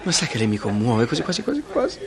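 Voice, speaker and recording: An actor playing a fawning, excitable film producer in a comedy sketch, flattering and exclamatory. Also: male voice, medium pitch, fast, crowd noise. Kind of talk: radio comedy sketch acting.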